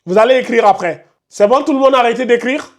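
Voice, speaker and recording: A man's voice: very high-pitched, quick pace. A man teaching a Quran recitation class. He repeats his explanations step by step and scolds students who are not following. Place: classroom with a board.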